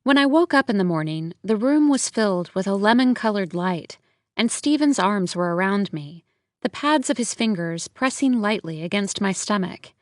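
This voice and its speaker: A woman's voice: medium pitch, lively intonation, normal speed, no room sound, clean studio sound. A woman reading a novel aloud as a first-person narrator, in an intimate, reflective way. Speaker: audiobook narrator.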